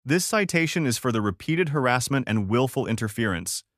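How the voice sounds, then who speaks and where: A man voicing a calm government official in a suit, polite but firm and authoritative. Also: mid-range voice, fairly quick, no echo, clean studio sound, lightly acted.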